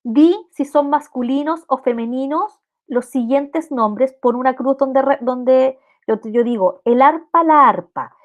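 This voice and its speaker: A woman's voice: high-pitched, steady tone, measured pace, mellow, dull audio. A woman with a Chilean accent teaching an online language class, explaining step by step and often checking in with the students. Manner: explanatory, checks in with rhetorical questions.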